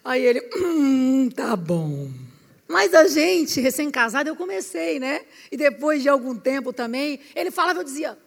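A Brazilian woman preaching a lively sermon in a church hall, acting out little scenes and rising into shouted emphasis. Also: sits high, normal speed, gravelly, hardly any pauses. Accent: Brazilian Portuguese. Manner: animated, switching voices, rising into shouted emphasis. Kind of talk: lively sermon with acted-out anecdotes. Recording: reverberant hall.

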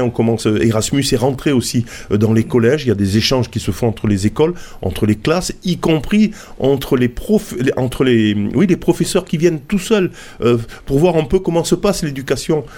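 A man's voice: mid-range voice, dark tone. A man hosting a radio interview, talking with many hesitations and restarts from a studio. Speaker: radio show host.

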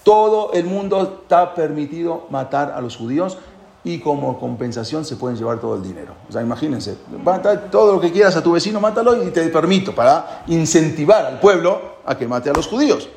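A man's voice: a little high, expressive, brisk, creaky, darkish tone. A man teaching a religious lesson as a story, retelling it with animation and acting out the characters' dialogue in different voices. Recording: roomy echo.

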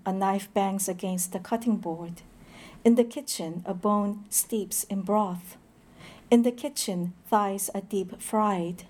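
A woman gives a poetry reading at a slow, measured pace, with brief introductions full of hesitant pauses. Her voice is medium in pitch and warm in tone.

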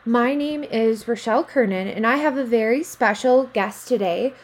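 A woman's voice: a little high, moderate pace. A woman hosting a podcast interview, asking questions in a friendly, encouraging way. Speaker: podcast host.

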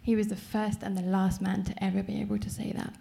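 Gravelly woman interpreting a sermon live. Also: medium pitch, little pitch movement, fast talker, mellow. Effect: live English translation of a French sermon, line by line. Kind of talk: consecutive church interpreting.

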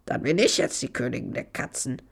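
An actor voicing a haughty female house cat who declares herself queen of the cats, in a hissing, breathy voice. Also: mid-range voice, lively intonation, a little fast, voice pushed down. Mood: triumphant.

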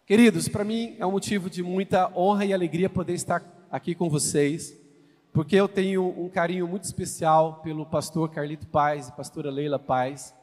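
A Brazilian man in his fifties from Goiás, with a fairly high, somewhat mellow voice and fairly even intonation, speaks at a normal pace. As a guest pastor opening his sermon in a church sanctuary, he exclaims and puts questions to the congregation. The recording carries the reverb of a church hall.

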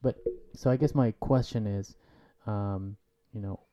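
A man's voice: fairly low pitch, a little slow, dark tone, highs cut off. A man in his thirties hosting a podcast, asking questions in a casual, hesitant way as he works them out. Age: 30s. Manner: casual and hesitant, many fillers while forming questions. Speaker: podcast host. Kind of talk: conversational interview.

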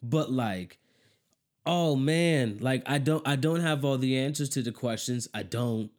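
A man's voice: medium pitch, unhurried, a little mellow. A man chatting casually about his kids, talking loosely with lots of slang, and acting out how he scolds them. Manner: casual slang, says bro often. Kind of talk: casual chat.

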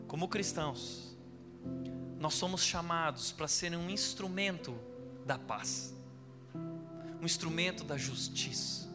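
High-voiced man preaching in a hall. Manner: storytelling, emphatic preaching. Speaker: pastor. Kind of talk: sermon. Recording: long hall reverb with background music.

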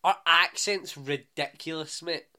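A man's voice: fairly high pitch, unhurried, bright, forceful tone. Teasing Scottish guy, blunt banter. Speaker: podcast co-host. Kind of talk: casual chat.

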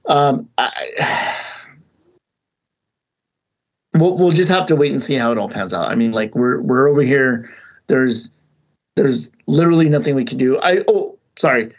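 A man's voice: medium pitch, animated, measured pace, pauses often, muffled recording. A man co-hosting a podcast, talking casually and rambling, with many restarts and fillers. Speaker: podcast co-host. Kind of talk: casual chat.

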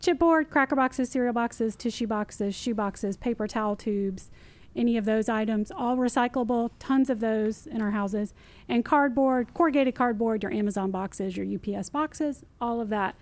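A woman walks listeners through what can be recycled. Her voice sits a little high, and she is chatty and animated, with lots of emphasis and repetition. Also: normal speed. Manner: lively, emphatic, repeats key phrases. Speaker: city recycling guest expert. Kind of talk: casual explanatory interview talk.

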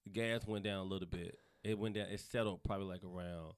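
Speaking in a low, smooth voice, this North Carolina man with a Southern drawl rattles off profane, lively stories at a fast clip in a relaxed podcast conversation.

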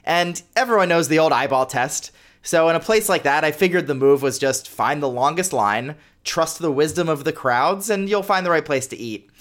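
A man's voice: a little high, expressive, moderate pace, fairly bright tone. A man in his thirties hosting his own solo podcast, talking in a chatty, self-deprecating, conversational way. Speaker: podcast host. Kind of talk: casual solo podcast monologue.

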